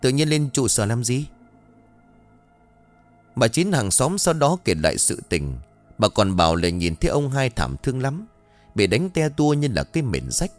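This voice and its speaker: A man, narrating a story in a dramatic, expressive way. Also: medium pitch, moderate pace, faint music behind.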